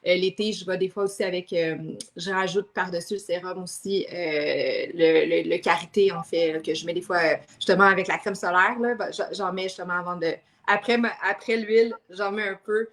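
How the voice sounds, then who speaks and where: A woman's voice: on the low side, fairly even intonation, fairly quick, hardly any pauses. A woman, chatting as a guest and hesitating often as she talks. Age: 30s. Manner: chatty, hesitant, trails off with fillers. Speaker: guest customer. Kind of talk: casual chat.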